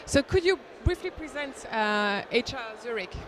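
A woman's voice: fairly high pitch, lively intonation, moderate pace, noisy background. A woman interviewing a guest at a conference, asking friendly questions with many halts, into a handheld mic. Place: conference booth indoors.

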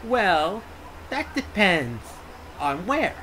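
A man's voice: high voice, big pitch swings, extremely slow, full character voice, low-quality recording. A man voicing a mischievous, mad, grinning cartoon cat with a playful, teasing manner, in a fandub. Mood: teasing, languid. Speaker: amateur fandub voice actor.

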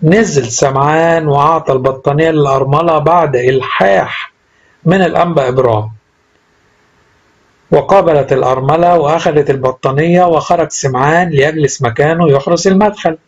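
A man with an Egyptian Arabic accent reading a religious story aloud in a steady, earnest way. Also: on the high side, a little fast, muffled recording.

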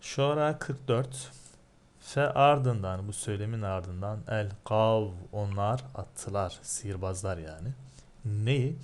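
A man's voice: fairly low pitch, slow. A man with a Turkish accent teaching a religious text, reading it word by word and translating and explaining each word. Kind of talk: line-by-line translation lesson.

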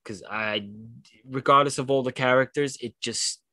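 Male podcast co-host, mid-pitched, dry sound, loose and rambling delivery. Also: fairly even intonation, normal speed, sharp tone, no echo. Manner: rambling opinions with many restarts. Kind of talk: casual podcast chat.

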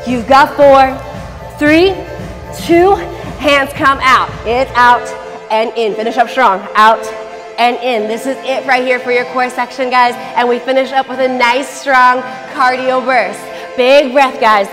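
A woman with a high voice leads an energetic exercise class. She barks short, urgent commands like a gym coach, pushing people on. The sound rings around a large studio, with faint music behind her. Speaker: fitness instructor. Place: large empty dance studio, indoors. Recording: echoey studio hall, distant mic, faint music.

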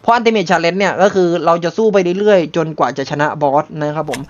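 A man giving excited live gameplay commentary, often exclaiming and repeating words in rapid bursts. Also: fairly high pitch, lo-fi sound. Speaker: game streamer. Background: loud music.

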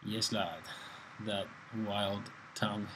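A man's voice: lowish voice, fairly even intonation, slow, background noise. A man from Spain, a fitness coach giving a casual, joking workout voice-over with plenty of swearing. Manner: laid-back, swearing, joking banter. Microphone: voice-over, close mic.

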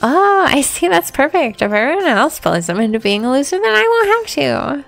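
A woman plays an eager, naive cartoon cowgirl. The voice is high and gushing, full of exclamation, over music. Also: sing-song, fairly quick, vocal fry, fairly bright tone, full character voice. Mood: excited.

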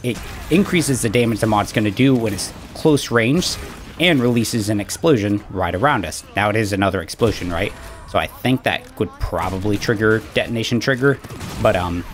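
A man's voice: on the low side, normal speed, faint music behind. A man casually commenting on his game build, chatty and rambling with lots of fillers, a little out of breath after exercising. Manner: chatty, rambling, frequent fillers and "right?" asides. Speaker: gaming channel host.

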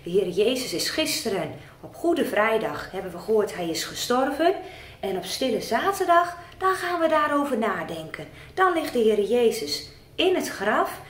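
Woman children's worker, lively high voice, storytelling in an echoey church. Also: normal speed, slight background noise. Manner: animated, gentle, addressing children. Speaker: children's service leader.

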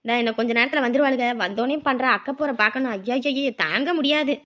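A woman playing a village housewife in a comedy sketch, rapidly griping about her in-laws to a neighbour. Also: high-pitched, fairly bright tone, muffled recording. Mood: gossipy. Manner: rapid gossipy complaining.

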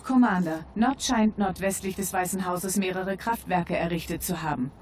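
An actress playing a composed battlefield computer announcer in a video game, measured and formal. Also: female voice, on the low side, natural voice. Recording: game battle noise behind.

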